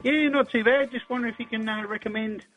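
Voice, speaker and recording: A man calling in to a show over a phone line, asking questions in a halting way with fillers. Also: very high-pitched, fairly even intonation, over music. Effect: heard over a phone line. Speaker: caller.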